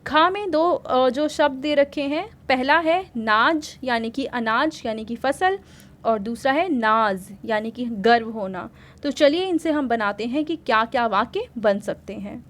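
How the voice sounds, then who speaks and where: A woman's voice: high-pitched, animated, a little slow. A woman teaching a worksheet lesson to children, explaining step by step and often checking in with questions. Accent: Hindi.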